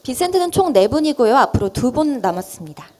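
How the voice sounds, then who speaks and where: A woman's voice: high-pitched, very animated, brisk, warm tone. A woman working as an event host, announcing lucky draw numbers in a formal, polite manner.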